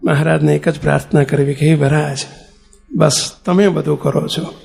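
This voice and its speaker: High-pitched Gujarati preacher, teasing and chatty. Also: male voice, level tone, normal speed, gravelly, a little mellow, breathy edge, soft background music. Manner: chatty, teasing questions to the audience, laughing while telling a story. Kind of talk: devotional sermon with storytelling and sung verses.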